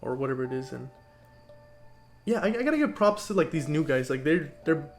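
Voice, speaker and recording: A man's voice: on the high side, lively intonation, fairly quick, faint music behind. A young man co-hosting a casual podcast, rambling with lots of fillers and restarts. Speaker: podcast co-host and YouTuber. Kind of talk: casual chat.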